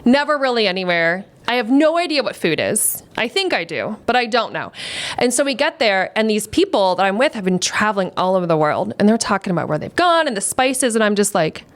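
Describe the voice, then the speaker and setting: A woman in her forties, a guest in an interview, telling a story in a lively way, laughing often and acting out what people said. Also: medium pitch, a little fast. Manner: animated, laughs often, acts out quotes. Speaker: guest, food stylist.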